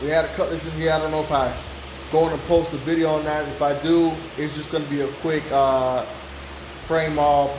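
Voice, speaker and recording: An American man hosting a car-build vlog in an informal, conversational way, often checking in with the listener. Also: fairly high pitch. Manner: informal, repeats "you know what I'm saying". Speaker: car-build channel host. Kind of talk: casual vlog walkaround. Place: hot car workshop with fan running. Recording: clear fan noise behind the voice.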